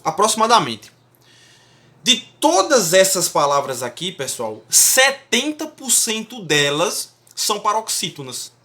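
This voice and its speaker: A man's voice: high voice, sharp tone. Emphatic male Portuguese teacher. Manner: emphatic, checks in often with the class. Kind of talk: classroom-style lecture.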